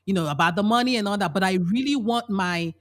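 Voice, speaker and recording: A woman's voice: mid-range voice, fast. A woman hosting a faith-based podcast, speaking in an affirming, reflective way and thinking aloud. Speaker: podcast host.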